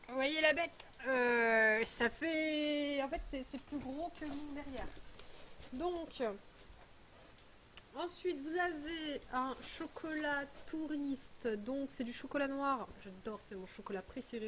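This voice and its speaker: A woman's voice: fairly high pitch, a bit bright, slight background noise. A woman vlogger chatting casually while unboxing a parcel, rambling and full of hesitations. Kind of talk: casual chat.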